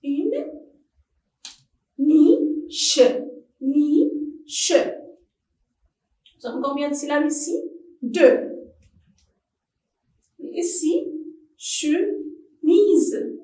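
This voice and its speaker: A woman teaching a televised primary school French lesson, speaking slowly and deliberately to young pupils. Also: high voice, lively intonation. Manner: slow, deliberate, addresses young pupils warmly. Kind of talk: slow televised classroom lesson. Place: classroom or studio for televised distance teaching. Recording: roomy echo, voice from a distance.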